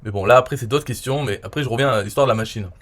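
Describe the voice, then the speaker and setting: A forties-aged French online marketer explains his own interview casually and at length, speaking rapid-fire in a mid-range voice. He rambles with many "euh" and "voilà" fillers and tends to let sentences trail off quietly.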